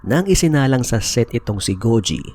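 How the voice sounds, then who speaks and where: A Filipino YouTube narrator tells a scripted horror explainer in storyteller style, switching between Tagalog and English phrases. His medium-pitched voice is animated, a little fast, and somewhat dark in tone.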